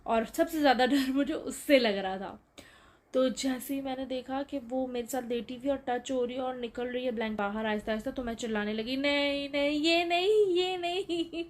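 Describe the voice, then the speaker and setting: A young woman telling her own horror story to camera in a casual vlog, animated and explaining as she goes, her voice climbing high when she relives the fear. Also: a little fast. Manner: explains with gestures, frequent "theek hai" check-ins.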